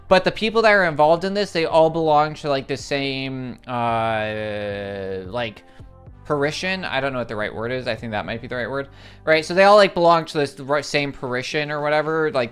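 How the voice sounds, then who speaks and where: A livestream host tells a long story in casual chat, rambling with constant filler words and keeps saying how crazy it all is. The voice is smooth and clear at a middling pitch. Soft music plays faintly underneath. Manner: excitable, repeats "it's crazy".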